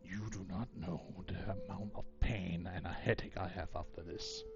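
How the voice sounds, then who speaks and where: A man's voice: low-pitched, steady tone, moderate pace, gravelly, over loud music, voice pushed down. A man voicing a proud, weary male deity who speaks formally as he blesses and scolds his followers. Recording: dull lo-fi mic.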